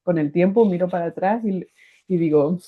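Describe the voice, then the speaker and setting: A woman's voice: on the low side, moderate pace. Spanish woman telling a story over a tinny line. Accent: Spain Spanish. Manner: animated, restarts phrases, acts out quoted voices. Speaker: guest giving a faith testimony. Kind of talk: personal testimony storytelling. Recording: tinny phone-like sound.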